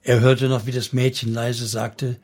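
A man narrating a solemn story in steady, scripted audiobook style. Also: mid-range voice, unhurried.

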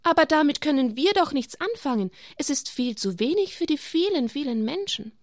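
A woman's voice: high voice, animated, moderate pace, no echo, voice pushed up. A worried male apostle pleads earnestly with his teacher, as a woman reads him out in a children's Bible story. His voice sits raised above a plain speaking voice, and the sound is dry.

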